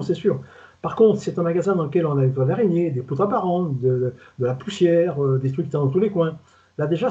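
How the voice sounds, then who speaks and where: An older man with a southern French accent, a retired food safety inspector appearing as a guest expert on a casual webinar, talks fast in a rambling, colloquial way, stumbling and repeating words. His voice sits on the high side with a mellow tone, and the video call audio is dull and lo-fi.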